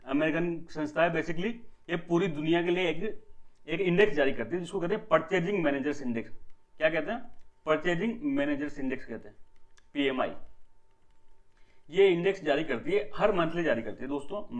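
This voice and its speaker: A young man with a voice on the high side, recorded with poor audio, hosts a daily economics news lesson. As an economics teacher and channel host, he addresses viewers as friends and repeats key points through rhetorical questions.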